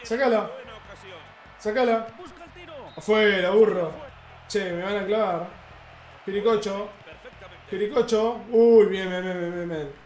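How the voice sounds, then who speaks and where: A man with an Argentine accent streaming a football video game, commenting live, loudly cheering goals and yelling at the referee. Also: high voice, slow, pauses often, reverberant. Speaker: gaming streamer. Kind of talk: excited live gameplay commentary.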